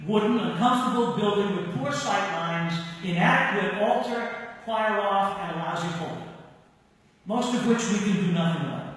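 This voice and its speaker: A man preaching a sermon as pastor at a pulpit microphone, speaking in emphatic lists and dropping low on key words. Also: fairly bright tone. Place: large church sanctuary. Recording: echoey church hall from far off.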